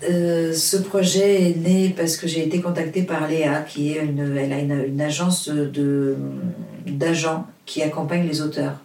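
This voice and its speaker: The guest is an author from Portugal, a native Portuguese speaker, talking informally in an interview. Her low, mellow voice is flat and measured in pace, and it sounds roomy and far away. Her speech is hesitant and earnest, with many fillers and restarts.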